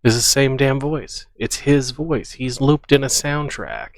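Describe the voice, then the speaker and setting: A man's voice: medium pitch, a little slow. A man hosting a reaction video, scoffing and skeptical as he picks apart a clip and repeats his points. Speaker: reaction channel host. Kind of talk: reaction commentary.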